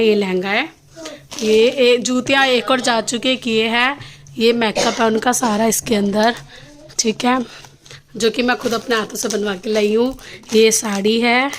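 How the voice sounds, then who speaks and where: A young woman vlogger with a sore throat chats casually with her viewers in a family vlog, showing things to the camera one by one. Her voice is on the high side, with slight background noise.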